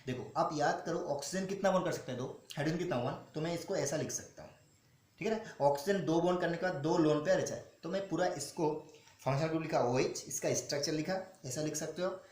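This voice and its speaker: A male chemistry teacher explaining step by step, asking questions, answering them himself and slowing down to spell out formulas. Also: fairly high pitch, darkish tone. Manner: repeats questions and answers them himself, calls students "beta". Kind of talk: classroom-style teaching. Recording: echoey room with faint noise.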